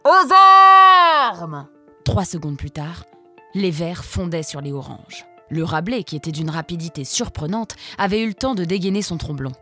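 Low-voiced woman reading a story. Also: moderate pace, a little mellow, soft background music. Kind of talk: storybook narration.

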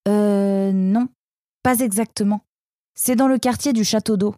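A woman's voice: mid-range voice, fairly even intonation, a little slow, warm tone, dry recording, studio quality, pitched above the performer's own voice, lightly acted. A woman voicing a shy, earnest young male storybook animal who speaks hesitantly and politely. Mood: timid polite.

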